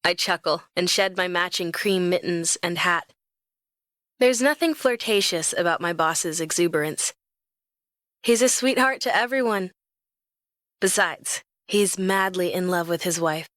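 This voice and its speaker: A young adult woman narrating a first-person romance audiobook in a lively, expressive storytelling manner. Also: on the low side, a little slow, no room sound.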